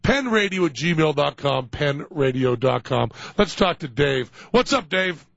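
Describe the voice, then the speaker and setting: Excitable New England man hosting radio. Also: a little high, unhurried, creaky, no echo. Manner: excitable, sputtering mock outrage. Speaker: radio show host. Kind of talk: casual radio talk. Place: home studio. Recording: dull lo-fi radio broadcast.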